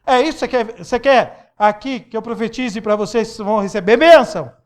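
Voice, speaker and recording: A Brazilian pastor, a middle-aged man, preaches with a high voice. He reads the verses and acts out the speakers in them, breaking into loud bursts and leaps of pitch. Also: brisk. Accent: Brazilian Portuguese. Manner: preaching with sudden loud bursts and voice jumps when acting out Bible figures. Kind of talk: sermon.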